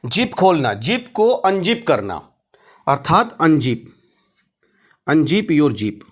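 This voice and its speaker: Here a man leads a Hindi-medium English vocabulary class in a slow, sing-song, slightly high voice. Questions he raises get answered by him, while words are spelled out letter by letter and phrases repeated.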